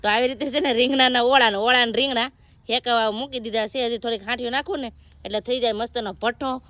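A woman's voice: a little high, fairly even intonation, quick pace, fairly bright tone. A woman narrating a casual family cooking vlog by a wood-fire stove at her village home, chatty and teasing. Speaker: family vlogger.

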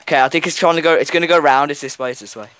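A young man co-hosting a gaming video, chatting casually and barking quick orders. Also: a little high, smooth. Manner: excitable, quick bursts of orders. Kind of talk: casual gameplay chat.

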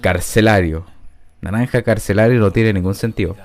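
A man's voice: a little high, expressive, moderate pace. A man, giving rambling, self-mocking gameplay commentary into a studio microphone. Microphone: new studio microphone.

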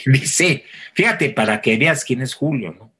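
A husky-voiced man reminisces in easy conversation. His pitch swings widely as he acts out the people in his stories. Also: slow pace. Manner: animated storyteller acting out quoted voices. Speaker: theatre actor, interview guest. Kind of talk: conversational anecdote telling.

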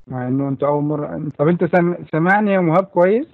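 A man with an Egyptian Arabic accent speaks fairly high and very fast, his voice creaky, as he teaches English letters to children online and patiently repeats each sound for them to echo back. The audio has a phone-like quality, picked up by a computer mic during the class.

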